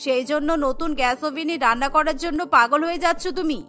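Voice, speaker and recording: A woman's voice: sits high, a little fast, pushed and bright, faint music behind, voice pushed down. A woman voicing a stubborn, domineering middle-aged mother-in-law in a cartoon, with a scolding manner.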